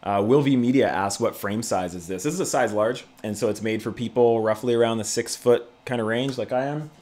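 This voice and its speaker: A man's voice: medium pitch, a little fast, darkish tone. A man hosting a casual livestream, chatting to viewers in a laid-back, conversational way. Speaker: YouTube channel host.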